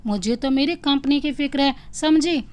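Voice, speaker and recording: A woman voicing a stern, bossy young male boss who lectures quickly in a scolding way. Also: sits high, darkish tone, natural voice.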